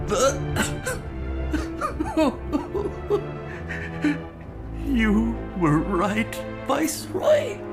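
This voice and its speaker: Prince Prospero, very slow, proud ruler. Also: male voice, high-pitched, exaggerated voice. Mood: dying, bewildered. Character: Prince Prospero, proud male ruler, defiant then broken. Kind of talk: theatrical gothic audio drama acting. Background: loud dramatic music.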